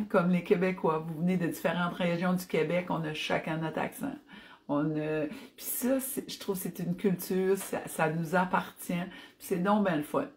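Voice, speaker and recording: Middle-aged Acadian woman, fitness vlogger, slightly low voice, energetic casual live-stream chat. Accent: Acadian French. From New Brunswick, Canada. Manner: chatty and enthusiastic, mixes in English phrases.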